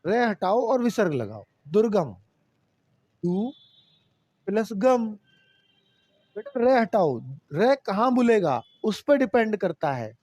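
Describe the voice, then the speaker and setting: A man's voice: high voice, sing-song, slow pace, long pauses, a little mellow, no room sound. A man teaching Hindi grammar in a live online class, patiently repeating rules and addressing students as children.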